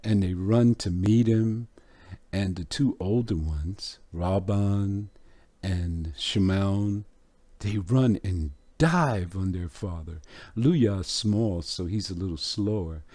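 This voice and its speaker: Low voiced guy teaching bible stuff real slow, acts out scenes, dry sound. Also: dark tone, dry recording. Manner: vivid storyteller, acts out scenes. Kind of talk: storytelling sermon.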